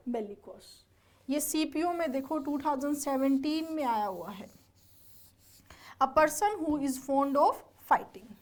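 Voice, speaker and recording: High-pitched but darkish in tone, this woman teaches English for exam preparation. She goes through words step by step, spelling each one out letter by letter while regularly checking comprehension.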